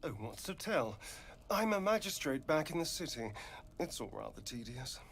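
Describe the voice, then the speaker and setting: An actor playing a weary, aloof city magistrate in a fantasy game, dry and languid. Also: male voice, fairly high pitch, very animated, moderate pace, vocal fry, fairly bright tone, a little hiss or hum, heavily acted. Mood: aloof, bored. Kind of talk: video game character dialogue.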